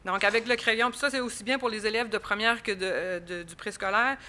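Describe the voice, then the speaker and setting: A woman's voice: mid-range voice, steady tone, fairly quick, sharp tone. A woman with a Quebec French accent presenting research at an academic conference, explaining step by step with frequent fillers and restarts.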